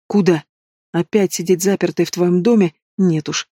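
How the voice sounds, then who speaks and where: A man's voice: high voice, fairly even intonation, moderate pace, no echo, clean studio sound. A man voicing a frightened but defiant young pregnant woman in an audiobook. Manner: sharp and defiant.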